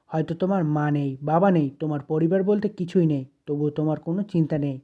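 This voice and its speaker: A narrator reading the lines of a quiet, guilt-ridden young wife in their own plain voice. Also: female voice, deep voice, fairly quick, lo-fi sound. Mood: wistful.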